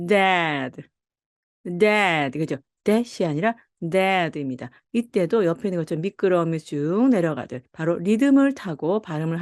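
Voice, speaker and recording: A woman teaching English pronunciation in Korean, friendly and patient, slowing down to model each sound in an exaggerated way. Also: lowish voice, darkish tone, dry recording, studio quality. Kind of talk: phonics lesson, slow demonstrations.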